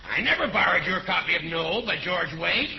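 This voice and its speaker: High-voiced crotchety old judge. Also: male voice, animated, a little fast, vocal fry. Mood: testy. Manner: testy, needling. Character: crotchety, argumentative judge, an older man. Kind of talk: 1940s radio comedy acting. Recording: dull, hissy vintage radio recording.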